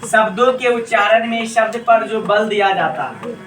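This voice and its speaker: A high-voiced man leads a lively class, calling out questions and echoing the students' replies. He sounds distant in an echoey classroom, with the class audible around him. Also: moderate pace. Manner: asks the class questions and repeats their answers. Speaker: Hindi grammar teacher. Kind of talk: classroom lecture with call-and-response.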